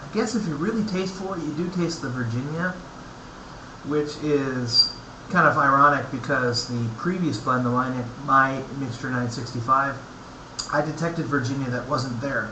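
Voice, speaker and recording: Hesitant man reviewing in an echoey, noisy room. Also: medium pitch. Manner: halting, thoughtful, pausing between short phrases. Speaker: pipe tobacco reviewer. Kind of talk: casual, unscripted product review to camera. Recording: echoey room, clear background noise.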